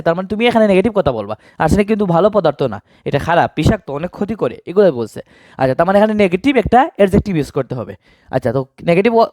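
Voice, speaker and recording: Lively high-pitched male grammar teacher. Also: no room sound. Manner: asks questions and answers them himself. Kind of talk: exam-prep grammar lesson.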